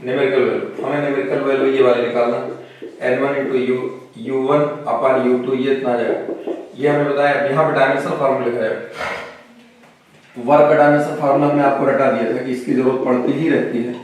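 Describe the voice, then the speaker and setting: A man's voice: medium pitch, flat delivery, a little fast. A man teaching a physics lesson in a classroom, working through problems step by step and often checking with his students. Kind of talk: classroom lecture. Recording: echoey room, voice from a distance.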